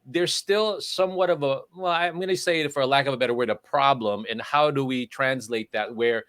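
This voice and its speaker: A man's voice: medium pitch, a bit bright, no echo. Male livestream host, dry close sound, meandering questions. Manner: rambling, halting questions with many restarts. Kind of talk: casual interview conversation. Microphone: livestream call microphone.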